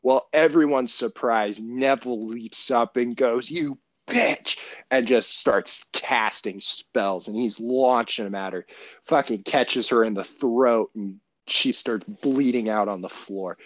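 A man with a fairly low voice co-hosts a casual podcast, spinning a long, profane story full of false starts. The audio is dry and a little dull, with a lo-fi edge. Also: no echo. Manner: profane, rambling retelling with many restarts. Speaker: podcast co-host.

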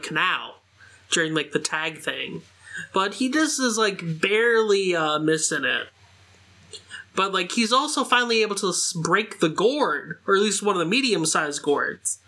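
A man's voice: high-pitched, expressive, normal speed, bright, forceful tone. A man on a podcast panel casually recapping an anime episode, full of "like" and "uh" fillers. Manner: loose, filler-heavy recap with lots of "like" and "uh".

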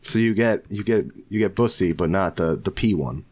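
A man's voice: deep voice, expressive, normal speed, darkish tone. A young man chatting casually as a podcast co-host, with crude, teasing, swear-heavy frat-bro slang. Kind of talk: casual chat.

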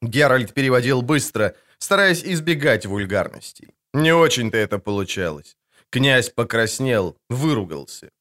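A man narrating an audiobook in a measured, unhurried reading. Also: medium pitch, sing-song, fairly bright tone. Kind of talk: scripted narration.

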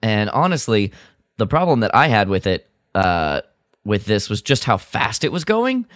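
Very animated at a moderate pace, this podcast co-host has a lowish, slightly bright voice as he recaps and critiques a radio drama in casual, jokey chat. He sounds exasperated at times and imitates the characters' lines. The studio sound is clean and dry.

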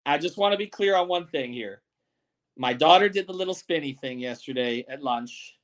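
A man's voice: fairly high pitch, expressive, normal speed, crowd noise. Blunt, emphatic man hosting a sports podcast. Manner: blunt, profane and emphatic, reading viewer comments. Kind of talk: live-streamed sports podcast chat.

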